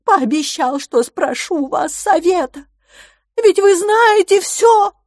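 A woman voicing a desperate, shaggy-browed male giant monster who shouts high and loud as he pleads for help. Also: animated, slow pace, no room sound, clean studio sound, heavily acted. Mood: desperate pleading.

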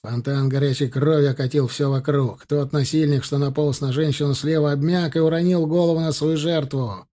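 A man narrating an audiobook story in a measured, scripted way. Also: fairly high pitch, fairly even intonation, mellow.

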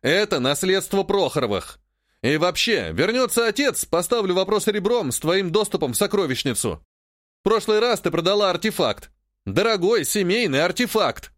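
A male audiobook reader playing an irritated young nobleman who shouts and barks at his sister. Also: sits high, very animated, normal speed, no echo, clean studio sound, pitched above the performer's own voice. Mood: barking. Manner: shouting, barking, scornful. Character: irritated young nobleman, bullying older brother.

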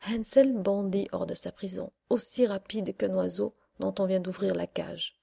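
A woman narrating a fairy tale audiobook in a soft, hushed storytelling manner. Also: medium pitch, level tone, moderate pace, creaky, slightly rough. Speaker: audiobook reader.

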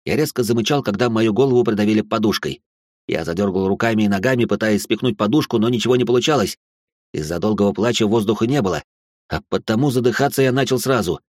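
A man narrating a story in the first person, tense and expressive, breaking into outbursts, close to the mic. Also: on the low side, fast talker, no room sound.

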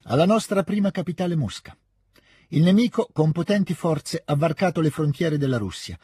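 A man's voice: fairly high pitch, expressive, normal speed, a little mellow, breathy edge, no room sound, studio quality, pitched above the performer's own voice. A man voicing a young woman declaiming solemnly.

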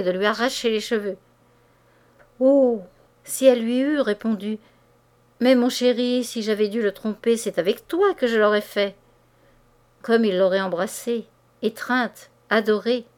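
A woman reads a classic novel aloud in measured, expressive literary narration. She takes the prose at an even, deliberate pace, letting each phrase land. Her tone is that of an experienced audiobook reader. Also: medium pitch.

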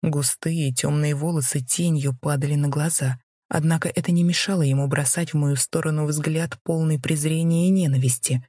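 A woman's voice: low voice, fairly even intonation, normal speed, few pauses, mellow, dry recording, studio quality. Woman narrating a fantasy audiobook. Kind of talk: scripted first-person narration.

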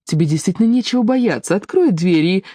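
A woman's voice: medium pitch, lively intonation, fairly quick, warm tone, dry recording, studio quality, voice pushed up, natural voice. A woman reading a pompous middle-aged male burgomaster who coaxes and snaps in turn. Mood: coaxing. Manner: alternately coaxing and angry.

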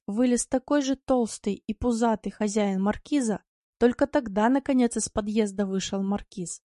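Brief: woman audiobook narrator, calm expressive telling, warm low tone, dry studio. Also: dry recording. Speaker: storyteller.

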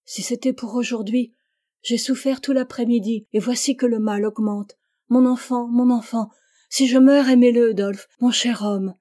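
A woman's voice: on the high side, steady tone, normal speed, dark tone, lightly acted. A woman reading the part of a young pregnant boatwoman in pain, pleading with her husband. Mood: anguished pleading. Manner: pleading, anguished. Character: young pregnant boatwoman in labor pains, loving.

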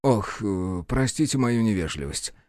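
A fussy, ceremonious town official who bows over his words and pleads with his staff, as a man puts him on in an audiobook. His voice sits a little higher than the narrator's, with a lively, rolling pitch. The sound is dry and close. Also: unhurried, no room sound. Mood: polite. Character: fussy, polite middle-aged male town official.

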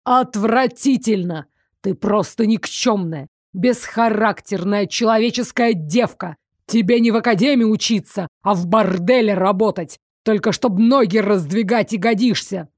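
Cruel male werewolf instructor, sneering and loud, slow deliberate insults, dry close read as a woman reader puts him on. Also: mid-range voice, no room sound, lightly acted. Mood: contemptuous. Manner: sneering, cruel, shouting slowly. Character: harsh contemptuous male werewolf combat teacher. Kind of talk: audiobook character voicing.

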